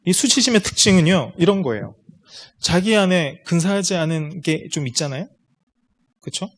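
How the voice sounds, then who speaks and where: A man with a high voice and lively intonation addresses parents in a school lecture room at a normal pace. His seminar builds step by step, punctuated by rhetorical questions aimed right at the audience.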